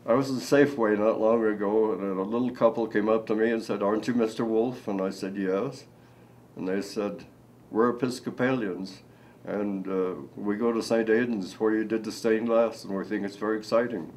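Older man, lowish voice, slow halting delivery with lots of ums, indoor interview, faint low rumble behind. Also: fairly even intonation, darkish tone, rough recording. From Nebraska. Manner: slow, halting, with many fillers. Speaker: artist. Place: indoor room.

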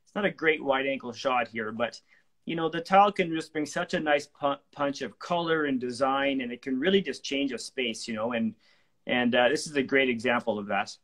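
A man's voice: medium pitch, normal speed, a bit bright. A middle-aged man hosting a renovation talk show, chatting agreeably with his guest over a video call. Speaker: show host, renovation company. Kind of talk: casual interview talk. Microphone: video call webcam.

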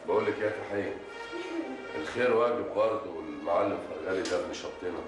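An actor playing a sanctimonious husband who moralizes with pious sayings, in an Egyptian accent. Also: male voice, low-pitched, quick pace, close to an everyday voice. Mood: preachy. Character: self-righteous, preachy husband quoting pious sayings. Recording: echoey, distant, music behind.

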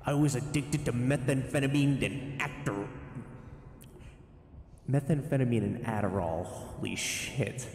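A man's voice: mid-range voice, unhurried, darkish tone. A man voicing a boastful, indignant older blue-collar worker through a heavy canyon-like echo voice mod, in joking voice-chat banter. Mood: indignant rant. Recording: echoey voice-mod reverb, faint background noise.

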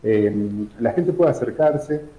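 A middle-aged man from San Juan, Argentina, explaining his charity's work in a remote news interview, measured and full of fillers. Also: medium pitch, lively intonation. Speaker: charity director guest. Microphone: video call. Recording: echoey room, dull video-call audio.

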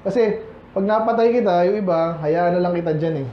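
Filipino guy preaching chatty sermon, kinda high voice, asks the crowd questions, echoey church sound. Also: a little fast, slight background noise. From Philippines. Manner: conversational, quizzes the congregation. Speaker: pastor. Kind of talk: Sunday afternoon sermon. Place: church hall. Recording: echoey, slightly dull church audio.

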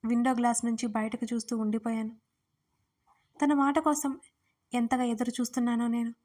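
A woman's voice: fairly high pitch, level tone, moderate pace, darkish tone. A woman narrating a romance audiobook in the first person, telling it in a heartfelt, tearful way. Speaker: storyteller and writer.

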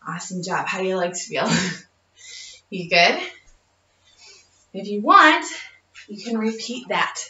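A woman's voice: lowish voice, normal speed, pushed and bright, a little hiss or hum. Breathless woman counting home workout reps. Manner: counts reps aloud, encouraging, laughs between cues. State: short of breath. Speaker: fitness instructor. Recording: dull, roomy audio from a distant camera.

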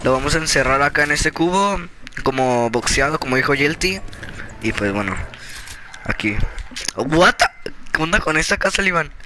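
A man's voice: fairly high pitch, animated, normal speed, pushed and bright, slight background noise, rough recording. Playful young-sounding man gaming. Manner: playful, joking, laughs a lot. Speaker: gaming video host. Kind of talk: casual gameplay chat with friends.

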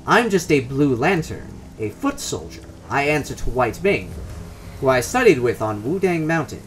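A man's voice: medium pitch, sing-song, normal speed, slight background noise, natural voice. A man reading out the lines of a matter-of-fact young male gang foot soldier in a game, in a near-normal voice.

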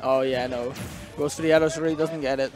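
A man's voice: mid-range voice, fairly even intonation, brisk. Man doing casual color commentary over music. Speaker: esports co-commentator. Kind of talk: live game commentary.

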